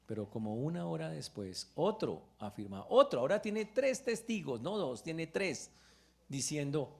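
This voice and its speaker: A man preaching a sermon as pastor in church, retelling a story with lively exclamations. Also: on the high side, a little slow, gravelly.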